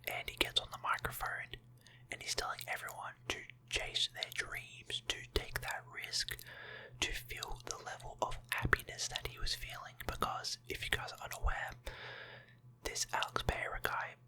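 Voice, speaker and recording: A person giving an informal, encouraging motivational pep talk in an ASMR whisper. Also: pushed and bright. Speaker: ASMR motivational content creator.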